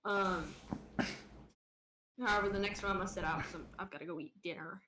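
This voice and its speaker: A woman's voice: on the low side, steady tone, moderate pace, bright, forceful tone. A woman streamer chatting casually over a game, rambling with lots of filler words. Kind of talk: casual gaming chat.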